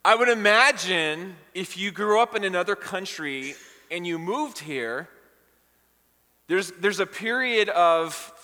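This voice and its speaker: Bright-voiced man preaching in a hall. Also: high voice. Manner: conversational, asks the congregation questions. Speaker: pastor. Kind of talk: sermon. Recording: long hall reverb.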